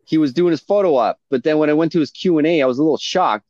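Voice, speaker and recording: A man telling a story in casual podcast chat, animated and swearing freely. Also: on the high side, fast talker, dry recording. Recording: dull lo-fi sound.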